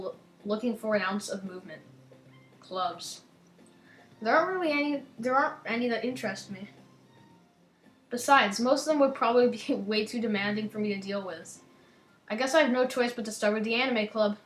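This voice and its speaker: A woman's voice: on the high side, fairly quick, fairly bright tone, echoey room, soft background music. Chatty young woman with a slight lisp. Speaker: gaming channel host. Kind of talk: casual let's-play commentary and reading game text aloud.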